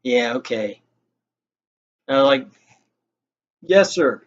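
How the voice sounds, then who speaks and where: The audio is dull as a young man with a medium-pitched, expressive voice slowly tells an anecdote from his own life. He swears, sounds exasperated, keeps it informal, and acts out the quotes.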